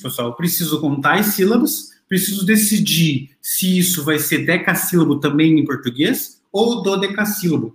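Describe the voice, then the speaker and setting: In a roomy, echoing classroom, a male literature lecturer patiently explains material to his listeners, using many fillers and restarting sentences. His voice is fairly high pitched with a fairly bright tone.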